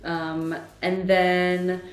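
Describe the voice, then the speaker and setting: A woman's voice: lowish voice, level tone, very slow, reverberant. A young woman from the Czech Republic, a band singer, chatting casually in an interview and often laughing and quoting herself. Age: young adult.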